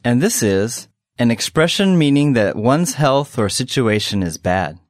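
A man hosting a language lesson, explaining phrases in a clear, measured way. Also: mid-range voice, very animated, no echo, studio quality.

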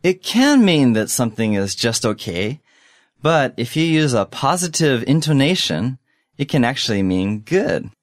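Brief: male lesson host, clear and measured, animated pitch, dry close mic. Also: no room sound. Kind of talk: scripted lesson explanation.

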